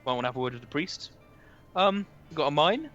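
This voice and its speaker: A man's voice: on the high side, expressive, fast, a bit bright, muffled recording, soft background music, voice pushed up. A man voicing a friendly, gossipy male villager who drives a wagon, in a put-on Bristolian accent and calling people mate. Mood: chatty.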